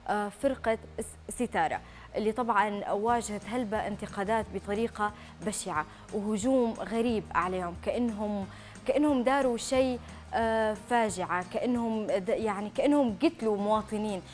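Woman, Libyan accent, morning show host, fast-talking, earnest, TV studio. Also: mid-range voice, darkish tone. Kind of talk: live TV talk show.

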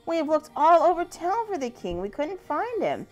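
A tiny, sweet girl mouse from a children's storybook, as a woman reading aloud puts her on. Her high, earnest voice rises with hope, set against faint music. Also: big pitch swings, moderate pace, darkish tone.

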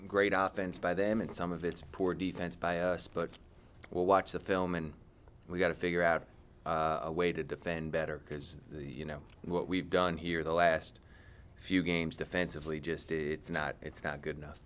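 Low flat-voiced coach at a presser. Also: male voice, normal speed, hardly any pauses, smooth. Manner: blunt, repeats phrases, restarts often. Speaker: head basketball coach. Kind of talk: postgame press conference answers. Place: press conference room.

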